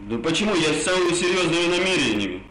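Guy pestering on an echoey phone call, kinda high voice, cant say his r's properly, burred, wheedling and repetitive. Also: sing-song, racing, very noisy. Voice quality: burred, indistinct r sounds. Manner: insistent, wheedling, repeats himself. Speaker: prank caller. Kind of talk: casual phone chat, coaxing.

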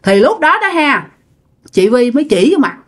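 A woman narrating a ghost story in a chatty, conversational way. Her voice sits a little high and moves through a very animated, expressive pitch range, and she keeps speaking straight to her listeners. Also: normal speed. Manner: chatty, addresses listeners directly.

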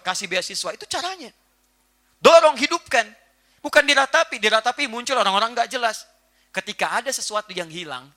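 A man preaching to a gathered audience, his voice rising high and swinging widely in pitch. His tone is very bright and sharp. He is playful and acts out small everyday scenes as he talks. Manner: animated, playful, acts out little household scenes. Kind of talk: religious lecture to a live audience.

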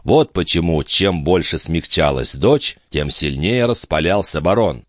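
Deep-voiced male audiobook narrator. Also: animated, no room sound, studio quality. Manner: measured literary reading. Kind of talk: scripted narration.

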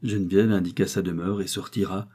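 A man narrating a novel as an audiobook in a measured, even storytelling manner. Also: low-pitched, husky.

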